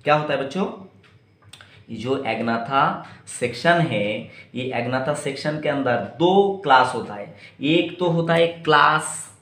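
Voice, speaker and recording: A man's voice: medium pitch, fairly bright tone, echoey room. A male biology teacher lecturing students, spelling out terms letter by letter and quizzing the class.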